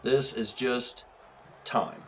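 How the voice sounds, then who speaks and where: A man giving live commentary over his own video game match, excitable and trash-talking, shouting at big plays. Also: mid-range voice, very slow, some chatter behind, slight background noise. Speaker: gaming YouTuber.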